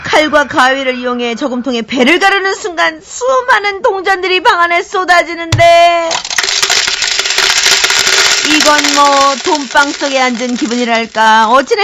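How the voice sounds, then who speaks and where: A woman radio host reading a listener's letter as expressive first-person comic storytelling. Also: high voice, slight background noise.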